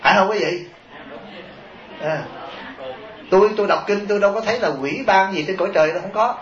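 A man's voice: high-pitched, brisk, fairly bright tone. A man, a Buddhist monk giving a humorous sermon, often chuckling and asking his listeners rhetorical questions. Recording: echoey, dull taped sermon recording.

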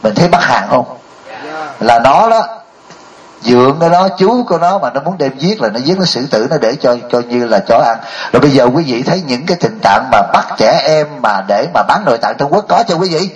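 A man's voice: mid-range voice, animated, fairly quick, highs cut off. An older man giving a Buddhist dharma talk, telling stories and often asking the audience rhetorical questions. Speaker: Buddhist monk.

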